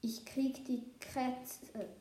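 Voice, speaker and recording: A woman's voice: high-pitched, level tone, very slow, dark tone, roomy sound. A woman reading as a bossy lecturing crow. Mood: whiny. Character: fussy bossy female crow, know-it-all.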